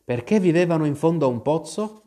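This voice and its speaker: A man's voice: fairly high pitch, expressive, a little fast, dark tone, pitched above the performer's own voice. A man voicing a curious, polite young girl in a storybook reading, asking earnest questions.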